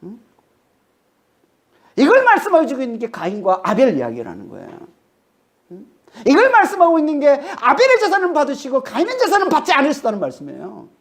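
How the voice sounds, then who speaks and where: A woman's voice: high-pitched, wildly swooping pitch, fairly quick, long pauses. A woman pastor preaching a sermon, emphatic, and she keeps prodding her listeners with questioning tags. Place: church sanctuary.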